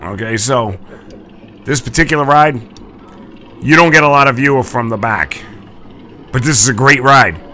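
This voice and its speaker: A man's voice: mid-range voice, normal speed, long pauses, pushed and bright, a little hiss or hum. A man hosting a vlog with chatty, folksy, informal commentary. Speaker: vlog host.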